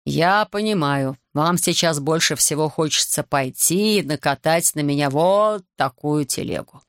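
A man's voice: a little high, fairly even intonation, moderate pace, gravelly, no room sound, clean studio sound. A man reading the lines of an indignant male investigator who argues defensively and later turns weary and sympathetic. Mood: weary, sincere. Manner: offended, argumentative, later weary.

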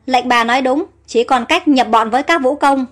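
A timid young maid speaks anxiously and deferentially to her mistress in a storybook tale, voiced by a woman narrator. The voice is high. Faint music plays behind. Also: normal speed, lightly acted.

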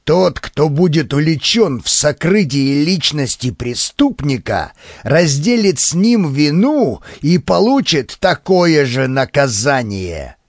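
Man doing a gruff male policeman, slow, menacing, commanding, a touch louder, storybook figure. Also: a little high, sing-song, dry recording, studio quality, exaggerated voice.

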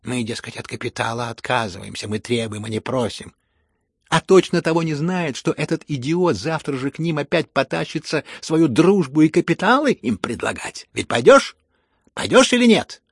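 Furious scolding old noblewoman voiced by a man, gravelly and husky, dry close sound. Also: little pitch movement, a little fast, few pauses, no room sound. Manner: shrill scolding outbursts, rising to shouts. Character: furious elderly noblewoman, hysterical, scolding, sharp-tongued.

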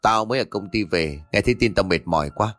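A man voicing a tired, gruff older uncle who speaks in a weary, curt way. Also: fairly low pitch, lively intonation, fast, a bit bright, dry recording.

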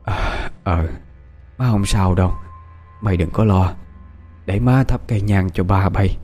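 A tired, grieving old country mother, put on by a man. Her voice drops low and dark, and she speaks slowly and soothingly in this audio ghost story, faint music behind.

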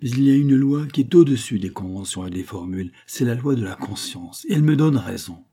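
A man reading a novel aloud voices a brave young man, steady, earnest and defiant. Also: medium pitch, fairly quick, slightly rough. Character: brave young male hunter, protective. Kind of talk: audiobook character reading.

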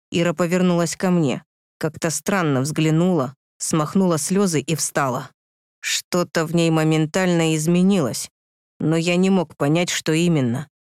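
Forceful male audiobook narrator. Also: a little high, smooth, no room sound, clean studio sound. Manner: forceful, emotional delivery.

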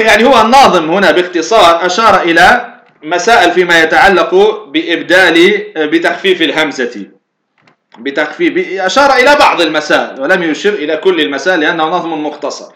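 A man's voice: fairly high pitch, fast talker, sharp tone. A man from Tunisia teaching a lesson, explaining step by step and putting questions to himself before he answers them. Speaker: teacher of Arabic morphology. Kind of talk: lecture explaining a grammar poem. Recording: echoey room.

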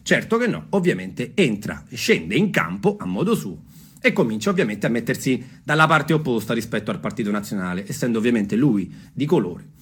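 A man tells a story theatrically and partly off the cuff, emphatic, repeating phrases and putting questions to his listeners. His medium-pitched voice is sing-song, fairly quick, a bit bright, and husky.

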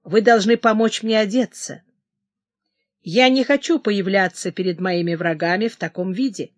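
A woman reading the part of a dying old admiral who speaks calmly and gravely to his son-in-law. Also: mid-range voice, moderate pace, lightly acted. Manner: calm, grave pleading.

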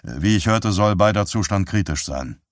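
A man's voice: fairly low pitch, animated, no room sound, clean studio sound, lightly acted. A man doing a formal police sergeant. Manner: measured, formal, businesslike.

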